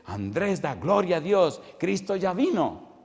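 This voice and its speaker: A man voicing a large male angel with open wings who speaks slowly and gently in a story told during a sermon. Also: sits high, big pitch swings, vocal fry, pitched above the performer's own voice, exaggerated voice. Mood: calm. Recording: long reverb in a large hall.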